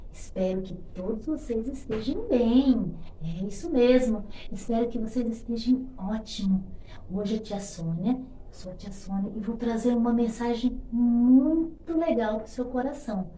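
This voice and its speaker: A woman's voice: on the high side, dark tone. A woman with a Brazilian accent giving a coaxing devotional talk to children, often checking in with little questions. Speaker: children's Sunday school teacher. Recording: roomy, distant microphone, faint noise.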